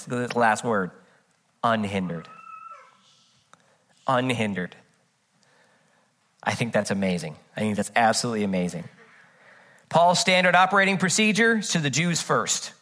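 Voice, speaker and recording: A pastor with a mid-range, fairly bright voice preaches a conversational sermon, reading scripture aloud and sharing humorous personal anecdotes. He comes across as earnest and chatty, with frequent "uh, uh" fillers.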